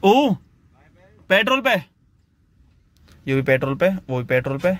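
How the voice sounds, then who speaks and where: A young man, an excitable car vlogger commentating a roadside drag race, repeating himself and calling everyone brother. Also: high voice, unhurried, dry recording. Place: outdoors on a road beside cars. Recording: outdoor recording with loud car and road noise. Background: car engines and street noise.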